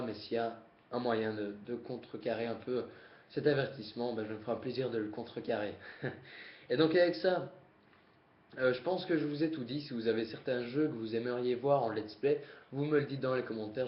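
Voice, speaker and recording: Young male gaming YouTuber, first face-cam vlog, jittery and rushed, lo-fi recording with a faint hiss. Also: medium pitch. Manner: nervous, rushed, with many fillers and self-corrections. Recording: dull roomy home recording.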